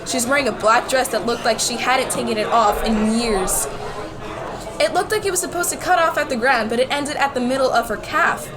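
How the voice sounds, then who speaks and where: Over loud music, a woman with a natural, high-ish voice speaks a little fast as a nervous, bewildered schoolgirl. She narrates her own story and acts out dialogue in an amateur radio play.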